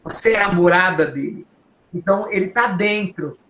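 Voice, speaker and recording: Deep-voiced woman preaching. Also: moderate pace, fairly bright tone, muffled recording. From Brazil. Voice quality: deep, strong, powerful voice. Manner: earnest, emotional, exhorting listeners. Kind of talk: testimony and preaching. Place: at home. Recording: echoey room, faint background hum.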